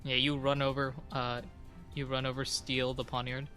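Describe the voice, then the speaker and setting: A man with a bright, forward voice narrating a tabletop game as game master. He talks in a relaxed, loose way and fills gaps with frequent ums. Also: medium pitch, moderate pace, soft background music. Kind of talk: casual actual-play narration.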